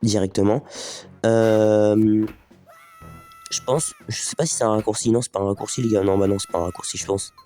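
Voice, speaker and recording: Faint music plays behind a gaming host whose dark, fairly low voice moves at normal speed with fairly even intonation. He has a slight head cold and keeps up chatty let's play commentary, thinking aloud and calling his viewers les gars directly.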